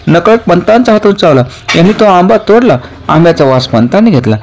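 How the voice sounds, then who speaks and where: A man's voice: sits high, very animated, brisk, darkish tone. A man narrating a historical story dramatically, lifting his voice at tense moments. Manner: dramatic, rising with tension, reverent at the close.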